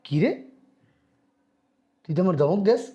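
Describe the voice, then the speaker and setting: A man's voice: sits high, big pitch swings, measured pace, mellow, echoey room, muffled recording. A man playing a scolding, abusive father-in-law. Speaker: father-in-law in a drama skit. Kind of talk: Bangladeshi short drama acting.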